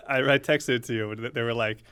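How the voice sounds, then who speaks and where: A young man co-hosting a podcast, his voice sitting in a middle pitch. He talks in a relaxed, storytelling way and laughs easily. The recording is close and dry. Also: a little fast, smooth, no echo. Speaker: podcast co-host. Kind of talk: casual podcast chat.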